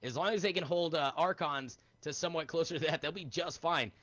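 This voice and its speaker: A man doing energetic play-by-play commentary on an esports match, calling the action in quick bursts. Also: on the high side, dry recording. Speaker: esports caster.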